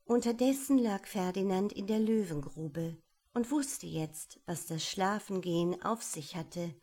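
A woman reading a fairy tale aloud in a calm, measured way. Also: mid-range voice.

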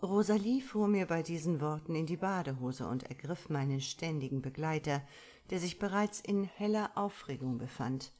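A woman reading a first-person story aloud in a measured, expressive storytelling manner. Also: low voice. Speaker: audiobook reader.

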